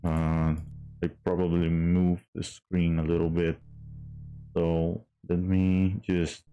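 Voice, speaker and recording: A male streamer with a low, smooth, clear voice chats casually over a game. He talks slowly and hesitantly, full of fillers and restarts. Faint music plays behind him. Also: monotone, dull audio.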